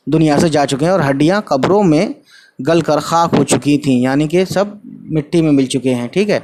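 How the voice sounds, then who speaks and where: A man's voice: fairly high pitch, darkish tone. A man teaching an Urdu textbook lesson. He reads a line, explains it in simple words with some English mixed in, and checks in with his students.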